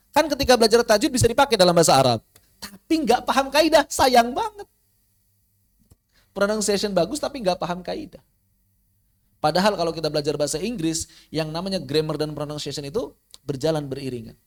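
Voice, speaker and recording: Indonesian male tajwid teacher, high-pitched, lively lecturing, demonstrates pronunciation. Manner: animated, demonstrates pronunciations, mock-quotes students. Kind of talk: online Islamic lecture.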